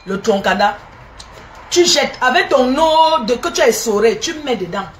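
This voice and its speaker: A middle-aged woman walks through a recipe step by step in a fairly high voice. She repeats instructions over and over and teases her listeners with a scolding edge. It is a relaxed, chatty cooking demonstration. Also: moderate pace, slight background noise. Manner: repetitive, teasing and scolding, addresses viewers directly. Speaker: cooking video host. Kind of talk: casual spoken recipe demonstration.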